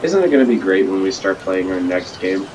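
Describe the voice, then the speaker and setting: A man's voice: deep voice, brisk. A young man with a scratchy voice from being sick, rambling and joking as he hosts a casual game stream. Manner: rambling, jokey, bursts of excitement. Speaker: gaming channel host. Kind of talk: casual let's-play chat. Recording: distant mic with loud music behind.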